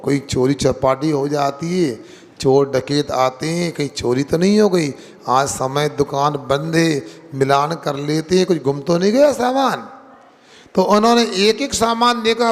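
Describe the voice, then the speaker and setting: A man who is a monk giving a sermon, telling a story and quizzing his listeners with call-and-response questions, stretching out key words. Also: on the high side. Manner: drawn-out emphatic words. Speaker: Jain monk preacher. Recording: long hall reverb.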